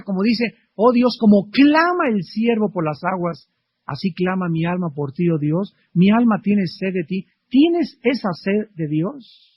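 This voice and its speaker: A middle-aged male preacher delivering a fervent sermon full of rhetorical questions, swinging between loud and soft. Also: sits high, a little hiss or hum. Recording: dull lo-fi archive recording.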